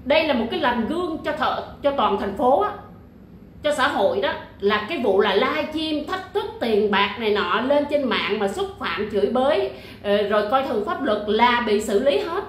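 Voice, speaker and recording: A woman with a somewhat high voice talks straight to camera in a forceful, repetitive way, peppering her speech with fillers and sharp digs. The sound carries a noticeable room echo. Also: expressive, normal speed, slight background noise. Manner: emphatic, many fillers and repetitions, blunt insults. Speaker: YouTuber discussing a legal case. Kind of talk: casual livestream-style monologue.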